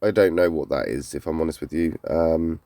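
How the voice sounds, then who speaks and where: A man's voice: very deep voice, a little fast, mellow, dry recording, clean studio sound. A man reacting to videos in casual commentary, blunt and skeptical. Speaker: micronation reviewer.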